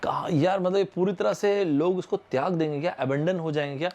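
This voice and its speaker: This is a young man from India leading a live vocabulary lesson for exam aspirants. His voice sits a little on the high side. He talks in a loose, chatty way, spells words out letter by letter and keeps inviting viewers to answer in the comments. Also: brisk, darkish tone, dull audio. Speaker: online vocabulary teacher.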